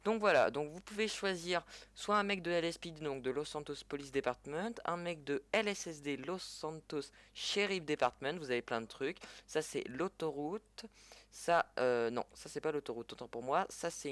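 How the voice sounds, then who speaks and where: A French-speaking man who makes gaming tutorials gives a casual, chatty gameplay walkthrough in French, using fillers and often correcting himself. His voice is fairly high and a bit bright, in a dry recording.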